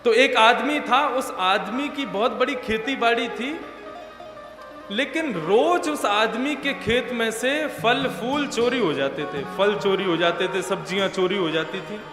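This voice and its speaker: A man's voice: high-pitched, unhurried. A male preacher giving a devotional sermon, telling stories and putting questions to the crowd. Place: large discourse hall. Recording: echoey hall with music behind.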